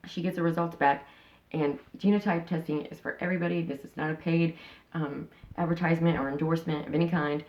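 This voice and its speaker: The audio is dull as a woman in her thirties, both interviewee and channel host, chats frankly in a casual interview. Her low, steady voice moves at a quick pace with few pauses, rambling along with many fillers and restarts.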